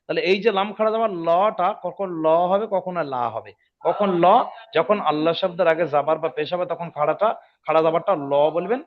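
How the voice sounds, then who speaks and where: Patient male recitation teacher, lo-fi sound. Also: high voice. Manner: patient, repeats rules and asks "okay?"; slows down and drawls when demonstrating recitation. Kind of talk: online tajweed lesson. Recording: dull lo-fi audio.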